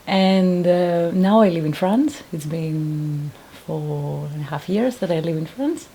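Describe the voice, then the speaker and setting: A Greek woman in her thirties, a painter and survivor, gives earnest personal testimony in Greek-accented English, searching for words and restarting often. Her voice is low and dark, her pace slow, with a little hiss or hum on the recording.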